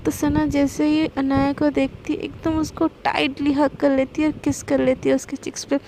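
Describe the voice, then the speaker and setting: A woman's voice: sits high, flat delivery, normal speed, warm tone, a little hiss or hum, rough recording. A woman storyteller narrating a love story in a casual, chatty manner, mixing English words into her talk.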